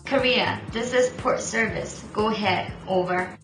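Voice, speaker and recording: A woman's voice: mid-range voice, measured pace, fairly bright tone. A woman playing a port control operator on a marine radio call, speaking in clipped, formal radio procedure. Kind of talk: scripted maritime radio role-play. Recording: echoey room with music underneath.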